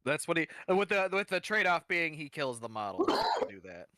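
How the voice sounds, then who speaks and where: Lively bright-voiced man explaining rules. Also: on the high side, normal speed, dry recording, studio quality. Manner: explains rules with loose restarts and dark jokes. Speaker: referee of a tabletop wargame. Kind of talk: casual game-table chat.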